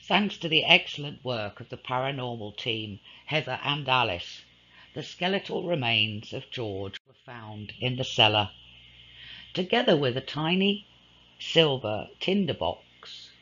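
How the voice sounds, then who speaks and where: A man reading a ghost story aloud in a slow, dramatic storytelling manner. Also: mid-range voice, expressive, bright, forceful tone, muffled recording. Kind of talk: scripted ghost-story narration.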